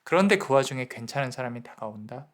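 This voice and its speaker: A man giving a tarot reading, gently counseling the listener about love and self-worth and briefly acting out people's inner thoughts. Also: mid-range voice, lively intonation, fast talker. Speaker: tarot reader. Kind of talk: tarot reading advice to viewers.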